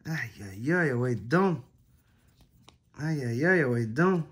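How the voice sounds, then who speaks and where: A man with a Québécois accent opening card packs in a casual vlog, excitable and full of exclamations. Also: medium pitch, slow, husky. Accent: Québécois French.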